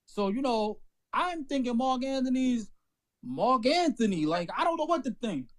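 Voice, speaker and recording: A man co-hosting a podcast, telling an anecdote in an animated, profane, casual way. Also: very high voice, normal speed. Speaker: podcast co-host. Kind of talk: casual storytelling chat.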